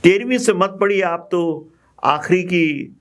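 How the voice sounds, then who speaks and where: A man teaching a group Bible study, explaining passages slowly and patiently, with pauses and fillers. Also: high-pitched.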